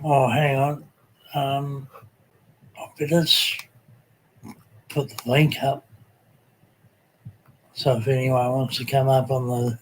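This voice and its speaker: A man's voice: medium pitch, poor audio. A man with a Tasmanian Australian accent hosts a casual live chat in a laid-back, colloquial, hesitant way, with lots of ums. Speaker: livestream host.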